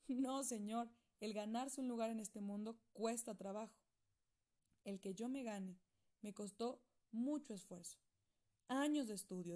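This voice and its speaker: A woman's voice: fairly high pitch, dark tone, lightly acted. A woman voicing a strict, authoritarian middle-aged doctor uncle in a storybook reading, formal and scolding.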